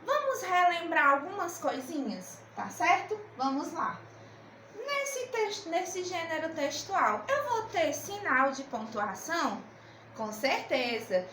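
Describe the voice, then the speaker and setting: Lady teacher, high voice, slow and coaxing, echoey room. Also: sing-song, pushed and bright, a little hiss or hum. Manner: slow, coaxing, asks and answers her own questions. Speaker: primary school teacher. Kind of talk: remote literacy lesson.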